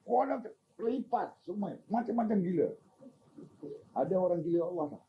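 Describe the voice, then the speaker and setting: An older man giving an informal religious talk, animated and teasing, often asking his listeners questions. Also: high voice, normal speed, slight background noise, poor audio. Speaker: religious teacher.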